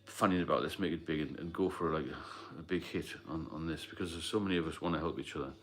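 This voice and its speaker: A bass-voiced man talks at a quick pace while hosting a casual live-stream chat. Plain-spoken and rambling, he responds to viewer comments as he goes.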